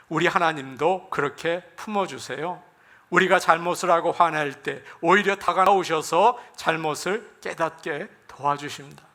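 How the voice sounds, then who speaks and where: A man, a Korean pastor, giving a gentle, conversational sermon and acting out quoted lines along the way. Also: on the high side. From South Korea.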